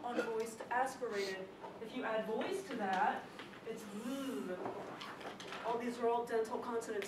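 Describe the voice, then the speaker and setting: A woman teaching a classroom speech lesson on pronunciation, lively and emphatic, repeating her key points. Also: high-pitched. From not from the Chicago area. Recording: echoey classroom, distant mic, background noise.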